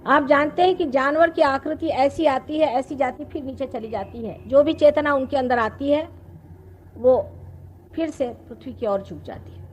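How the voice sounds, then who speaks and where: A woman, giving a slow, explanatory spiritual discourse with pauses. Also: high voice, a little hiss or hum. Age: 50s. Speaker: spiritual teacher. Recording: archival talk recording.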